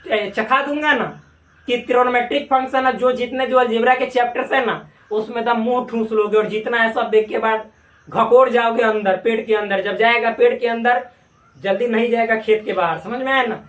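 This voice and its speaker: A man's voice: extremely high pitch, steady tone, a bit bright, recorded from a distance. Male maths teacher, chatty and jokey, drags out key words, heard from across a roomy class. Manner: joking, colloquial, drawn-out repetitions. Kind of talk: casual classroom lecture. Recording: echoey room, voice from afar.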